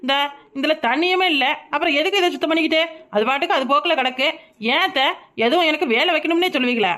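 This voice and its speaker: A woman's voice: high voice, fast talker, fairly bright tone. A woman voicing a young daughter-in-law in a cartoon, complaining and talking back. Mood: grumbling.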